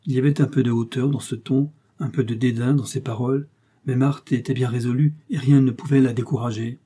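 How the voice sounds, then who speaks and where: Man, audiobook narration, very dark voice, husky, calm measured reading. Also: medium pitch. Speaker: audiobook reader. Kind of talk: scripted narration.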